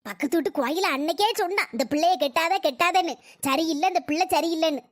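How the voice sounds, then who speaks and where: A woman's voice: very high voice, quick pace, no room sound, clean studio sound. A woman playing a bitter, quarrelsome old mother-in-law in a family skit, sarcastic and nagging. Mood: aggrieved. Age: older.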